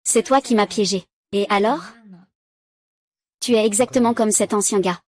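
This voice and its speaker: A woman's voice: mid-range voice, normal speed. A woman reading dubbed drama dialogue, giving every character's lines in the same plain voice. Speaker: dub voice for a drama recap.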